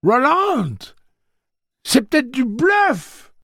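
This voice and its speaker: A man voicing a frantic young man who shouts and pleads in panic. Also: very high voice, sing-song, extremely slow, no echo, clean studio sound, voice pushed up, exaggerated voice.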